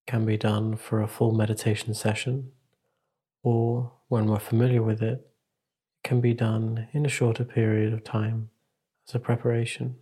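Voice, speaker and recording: A man with a fairly low, slightly rough voice teaches a guided meditation. He gives calm, measured instructions and lets long pauses sit between them.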